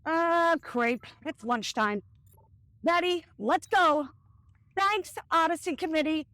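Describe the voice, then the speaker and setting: A woman's voice: very high-pitched, takes it slowly, bright, forceful tone, no room sound, exaggerated voice. A woman playing a peppy, wisecracking school lunch lady heroine in a hammy comic skit, full of exclamations. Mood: delighted. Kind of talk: live comic audiobook-style skit.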